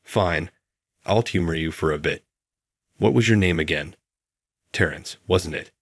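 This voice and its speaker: A man's voice: low voice, measured pace, no room sound, studio quality. A man voicing an arrogant male boss who mocks and looks down on others. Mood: sneering. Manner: mocking, condescending.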